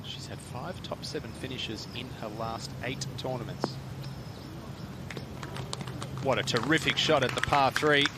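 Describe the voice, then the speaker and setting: A male golf commentator with a mid-pitched voice reports on play. Very heavy outdoor ambience surrounds his words. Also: unhurried, long pauses, very noisy. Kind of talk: live golf tournament commentary.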